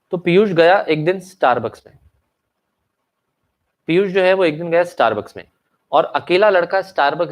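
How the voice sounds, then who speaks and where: A young man teaching an online lecture, mixing English into his Hindi, asking checking questions and coughing now and then. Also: fairly high pitch. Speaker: commerce exam teacher. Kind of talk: online lecture with story examples.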